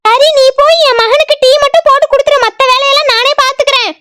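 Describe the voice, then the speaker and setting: A bossy mother-in-law who scolds and gives orders, voiced by a woman. Her cartoon voice is very high, with a southern Tamil Nadu accent. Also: fairly even intonation, fast, sharp tone, no echo, clean studio sound. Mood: scolding. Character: bossy middle-aged mother-in-law, complaining. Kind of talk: cartoon voice acting.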